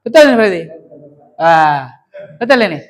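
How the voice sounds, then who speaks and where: A man's voice: high-pitched, very animated, moderate pace. A man teaching grammar in a classroom, quizzing students in call-and-response.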